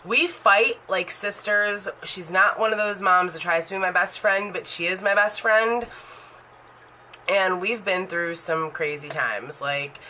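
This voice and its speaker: A woman in her thirties with a lowish, sharp voice rambles chattily through a vlog about her makeup collection, leaning heavily on fillers. She's a beauty vlogger, and the low-quality recording carries a slight hiss or hum.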